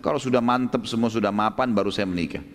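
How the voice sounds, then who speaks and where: A man's voice: fairly low pitch, quick pace, natural voice. A man retelling a story who quotes a modest young man giving humble, hesitant replies, in his own voice. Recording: reverberant hall.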